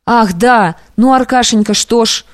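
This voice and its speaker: A woman voicing an anxious, guilt-ridden young male clerk who pleads haltingly, in an audiobook. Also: on the high side, dry recording, clean studio sound, natural voice. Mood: pleading. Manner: imploring, halting.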